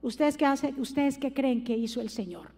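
High-voiced woman preaching in a hall. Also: lively intonation, gravelly, soft background music. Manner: swings from hushed asides to loud, drawn-out shouted appeals; addresses the congregation directly with questions. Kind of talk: evangelical sermon. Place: church sanctuary. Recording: long hall reverb.

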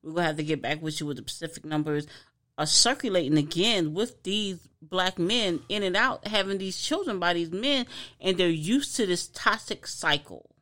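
A woman's voice: on the low side, normal speed, a bit bright. Earnest woman podcast co-host. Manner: earnest, advice-giving, restarts often. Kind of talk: casual podcast conversation.

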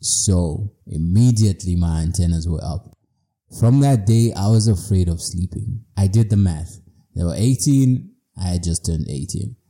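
Deep, dark-voiced man. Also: a little slow. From Zimbabwe. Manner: playful, self-mocking, chuckles at himself. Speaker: podcast host. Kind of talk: reflective personal monologue.

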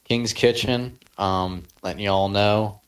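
A man's voice: lowish voice, fairly even intonation, slow. A young man co-hosting a podcast, rambling and hesitant, his voice cracking now and then. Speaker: podcast co-host. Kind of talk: casual chat.

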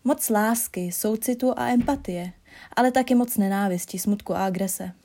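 A young woman performing a spoken-word monologue addressed to herself, expressive and shifting between hushed and emphatic delivery. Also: mid-range voice.

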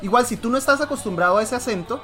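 A Colombian man hosts a podcast live on a stream, chatting casually and animatedly over faint background music. His voice is extremely high, expressive, pushed and bright, and he races along, dropping swear words and restarting his sentences.

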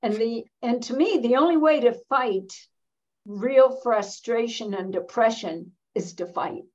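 This elderly American interview guest, a veteran feminist activist in her seventies or older, speaks reflectively and emphatically, deliberately pausing in the middle of sentences. Her voice is a little high with a darkish tone, and the recording is slightly dull.

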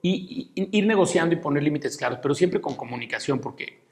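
A man's voice: fairly high pitch, expressive, brisk. A middle-aged man with a Mexican accent, a guest giving frank, fatherly advice in casual conversation. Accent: Mexican Spanish. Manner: frank, fatherly, full of filler tags.

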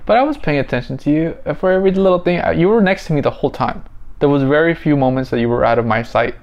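A man co-hosting a podcast with his partner, talking in a rambling, halting, joking way. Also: fairly high pitch, dull audio. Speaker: podcast co-host. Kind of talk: casual couple chat.

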